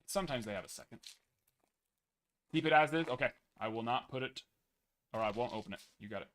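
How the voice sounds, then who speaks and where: This young card-break host keeps things casual while chatting live, reading a steady stream of numbers aloud. He talks briskly in a mid-range voice that's wearing down as he starts losing it.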